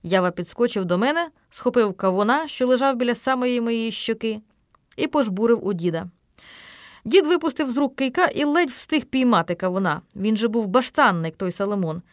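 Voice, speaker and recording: A woman narrating a children's story aloud, lively and acting out the characters. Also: fairly high pitch, moderate pace, no echo, studio quality.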